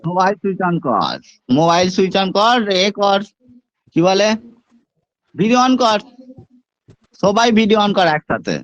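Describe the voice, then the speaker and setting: A man with a rather high voice teaches an English class online. He fires questions at his students and moves between Bengali and slow, deliberate English. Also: big pitch swings, lo-fi sound.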